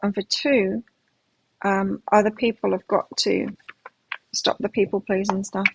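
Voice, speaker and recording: Gravelly woman chatting through a tarot reading. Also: mid-range voice, level tone, a little slow, noisy background. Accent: mixed British and Australian. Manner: chatty, musing aloud while reading cards. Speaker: tarot reader. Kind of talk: live tarot reading chat.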